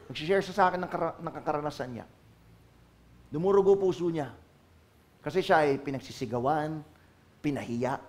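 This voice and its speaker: A man with a Filipino accent, a pastor preaching a sermon to a church congregation, swinging from hushed asides to loud, emphatic calls. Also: high voice. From Philippines.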